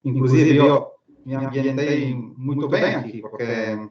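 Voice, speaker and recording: A man with a clear Italian accent speaks as a non-native, slipping Italian words into halting panel answers. His mid-pitched voice sits far from the mic in a very echoey, muffled recording. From Italy. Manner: non-fluent Portuguese mixed with Italian words. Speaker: guest candidate. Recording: very echoey, distant, muffled sound.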